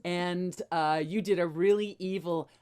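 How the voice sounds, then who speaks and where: A woman's voice: lowish voice, fairly even intonation, a little slow, background noise. A woman who voices and directs, chatting easily on a panel about the characters she played. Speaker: voice actor and voice director. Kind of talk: casual panel chat.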